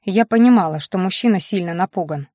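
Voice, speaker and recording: A woman's voice: lowish voice, fairly quick, mellow, no room sound, studio quality. A woman narrating a first-person audiobook expressively, dramatic, raising her voice in the heroine's lines.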